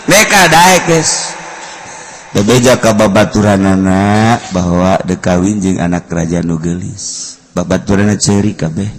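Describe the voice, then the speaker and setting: An Islamic preacher with a Sundanese accent tells a comic folk tale as part of a humorous sermon, using a low voice. He stretches out his words slowly, slips between soft asides and sudden loud bursts, and puts on mock voices.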